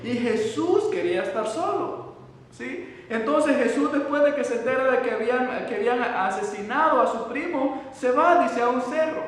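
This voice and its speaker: A man preaching a sermon in a halting way, often repeating words and restarting his sentences. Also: very high voice, expressive. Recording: echoey hall, voice from far off.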